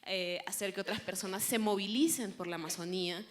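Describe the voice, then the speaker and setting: A woman's voice: mid-range voice, a little fast. A woman with a Peruvian accent, a journalist hosting a live interview on stage. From Peru.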